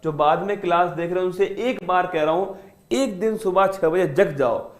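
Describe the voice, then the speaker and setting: A man's voice: sits high, normal speed. A male exam-prep teacher closing an online class, coaxing and motivating his students like friends.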